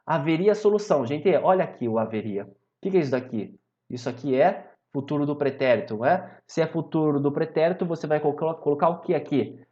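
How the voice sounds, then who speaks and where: In a grammar video lesson, an animated Brazilian-accented man with a voice on the high side regularly checks on his students with "maravilha?" and "tá?". The audio is dull.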